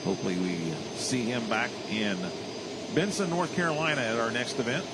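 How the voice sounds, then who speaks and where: A man with a medium-pitched voice announces a live tractor pull. He calls competitors and distances in an announcer's delivery, often repeating them. Very loud vehicle and engine noise roars behind him. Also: big pitch swings, fairly quick. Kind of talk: live motorsport announcing, calling distances and running order. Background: roaring vehicles at an outdoor track.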